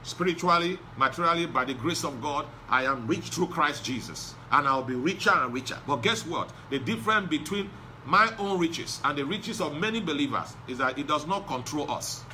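A man's voice: a little high, animated, moderate pace, bright, forceful tone, a little hiss or hum. A male pastor preaching a sermon, driving points home with emphatic repetition.

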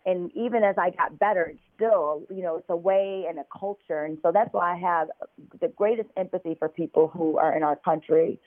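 Over a tinny phone connection, a woman from the United States recounts her story in a conversational interview. Her fairly low voice moves a little fast, the recording is dry, and she's chatty with plenty of fillers.

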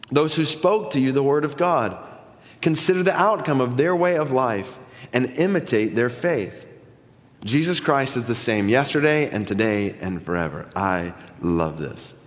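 A male pastor preaching a sermon earnestly, asking the congregation rhetorical questions. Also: mid-range voice. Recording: long reverb of a large hall.

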